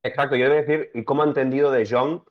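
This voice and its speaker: A man with a Spanish accent, a football pundit talking in a measured, thoughtful way on a sports talk show. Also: mid-range voice, steady tone. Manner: measured, thoughtful, builds points slowly. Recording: dull lo-fi sound.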